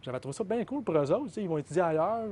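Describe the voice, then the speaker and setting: A podcast host from Quebec, with a Québécois French accent, runs a casual interview, chatty and often finishing his guest's sentences. His high voice is expressive, racing, and a little mellow.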